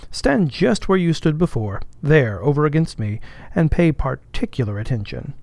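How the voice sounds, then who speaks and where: Storybook role: man playing a jaunty, overbearing ship's officer, teasing interrogator, raised pitch, dry sound. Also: sing-song, moderate pace, creaky, darkish tone, dry recording. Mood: bossy. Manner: commanding, mock-solemn, teasing. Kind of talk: audiobook character voice.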